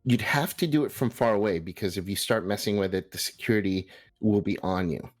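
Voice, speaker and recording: A man's voice: fairly low pitch, fairly quick, no room sound, faint music behind. Young man running a tabletop game. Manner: hesitant, many ums, laughs. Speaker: game master.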